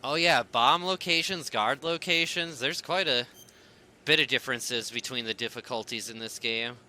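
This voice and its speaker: A man's voice: mid-range voice, moderate pace, bright, forceful tone, a little hiss or hum. A man streaming a game with casual, irreverent, sarcastic and sweary live commentary.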